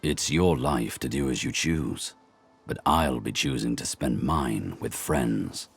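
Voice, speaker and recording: Very deep, husky stern warrior. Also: male voice, faint music behind, heavily acted. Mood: stern warning. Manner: grave, measured, blunt. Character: stern, weary warrior who values loyalty and friendship. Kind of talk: video game voice acting.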